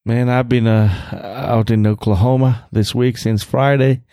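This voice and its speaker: A man's voice: medium pitch, fairly even intonation, measured pace, mellow, no echo, clean studio sound. A man co-hosting a podcast, talking casually about everyday life. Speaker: podcast co-host. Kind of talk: casual chat.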